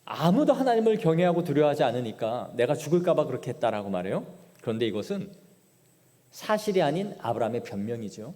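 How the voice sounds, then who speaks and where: A man's voice: high voice, warm tone. A man preaching a sermon as pastor, retelling scripture in dramatic paraphrase. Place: church sanctuary. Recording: long church hall reverb.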